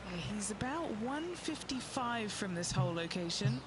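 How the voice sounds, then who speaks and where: A man working as an on-course golf commentator, giving brief factual reports in a low-key way. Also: very animated, normal speed. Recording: noisy outdoor ambience with crowd.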